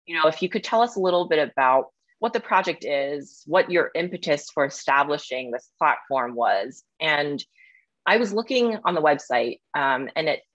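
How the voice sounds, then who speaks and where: A woman's voice: low-pitched, animated, normal speed, muffled recording. A woman hosting an interview as a scholar, speaking thoughtfully and hedging her points with frequent fillers. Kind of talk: conversational interview.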